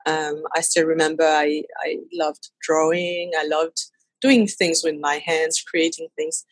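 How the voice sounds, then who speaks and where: Guest: French-accented woman, 30s, husky and low-pitched, relaxed chat with easy laughs. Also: unhurried, dry recording, low-quality recording. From France. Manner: laughs easily, hesitant fillers. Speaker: guest photographer. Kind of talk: casual interview conversation.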